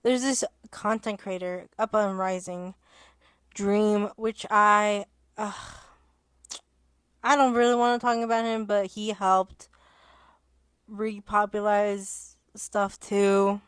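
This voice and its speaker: A woman's voice: medium pitch, flat delivery, slow, pauses often, clear, resonant tone, dry recording. A young adult woman vlogging in a rambling casual chat, interrupting herself and swearing, as she starts to lose her voice. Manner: rambling, self-interrupting, swears and laughs often.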